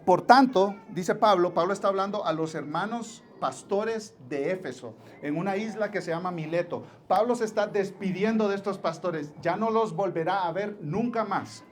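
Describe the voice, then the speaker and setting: Pleading Mexican pastor, high-voiced man. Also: moderate pace, hardly any pauses, a little hiss or hum. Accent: Mexican Spanish. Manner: pleading, swings from hushed to forceful. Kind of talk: sermon. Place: church.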